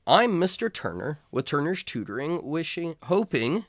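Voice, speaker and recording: With a fairly high voice, a man who tutors reads a children's storybook aloud in a measured, expressive manner. The recording is dry and has clean studio sound.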